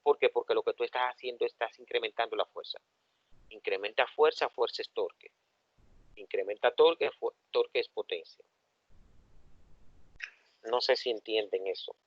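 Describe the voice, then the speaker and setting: A man's voice: mid-range voice, normal speed, long pauses, no room sound. Dominican man lecturing an engineering class. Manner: lively, asks the class questions. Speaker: engineering professor. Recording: dull, dry lo-fi classroom recording.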